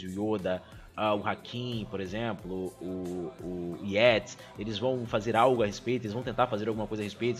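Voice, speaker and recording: A young man with a Brazilian Portuguese accent, a streamer, offers his opinion in casual commentary with a medium-pitched, fairly bright voice. He's earnest, fills his speech with "cara" and "né," and often restarts.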